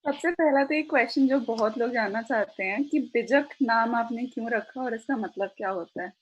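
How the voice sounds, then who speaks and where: A woman's voice: fairly high pitch, moderate pace, husky, highs cut off. A woman moderating an online session, reading out audience questions. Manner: reads questions aloud, apologetic. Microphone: video call.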